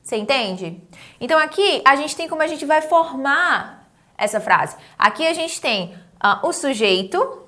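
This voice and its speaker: Brazilian woman teaching English grammar, slightly high voice. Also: lively intonation, sharp tone. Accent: Brazilian Portuguese. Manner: explains patiently, asks the viewer questions and answers them herself; says English words slowly and clearly. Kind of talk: online grammar lesson.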